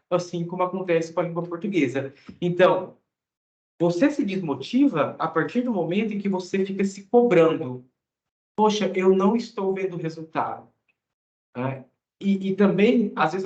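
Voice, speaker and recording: Higher-voiced male teacher in an echoey room. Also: a little mellow. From Mato Grosso, Brazil. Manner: conversational, often ends phrases with a questioning tag. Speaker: English teacher. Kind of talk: casual explanatory talk to students. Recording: echoey room, dull lo-fi sound.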